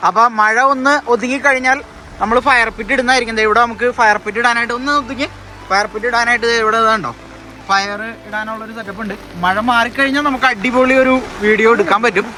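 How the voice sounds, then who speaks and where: A man's voice: high-pitched, pushed and bright, a little hiss or hum. A Malayali man casually narrating an outdoor vlog in a Malayalam and English mix, exclamatory and repeating phrases for emphasis. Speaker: vlog host. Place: outdoors at a rainy lakeside camping spot.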